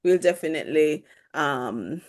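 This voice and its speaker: A woman hosts a parenting podcast and chats casually with her guest. Her voice is notably low for a woman. She backs her guest up readily and affirms what she says. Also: lively intonation. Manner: warmly affirming, quick to agree. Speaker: podcast host. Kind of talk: casual interview chat.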